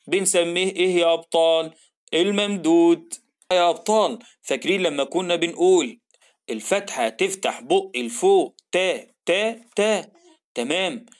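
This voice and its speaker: A man's voice: sits high, normal speed. A man with an Egyptian Arabic accent teaching a children's reading lesson, encouraging and stretching out syllables as he models them.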